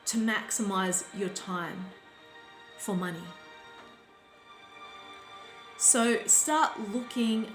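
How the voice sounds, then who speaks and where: A woman life coach speaking reflectively to her audience, in a slow, deliberate and gently instructive way. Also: mid-range voice. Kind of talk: reflective talk to camera. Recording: roomy sound with faint background music.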